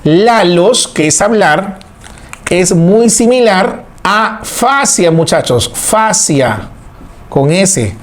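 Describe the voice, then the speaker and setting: A man's voice: sits high, expressive, very slow. A man teaching a recorded lecture, repeating key words and asking imagined students questions before answering them.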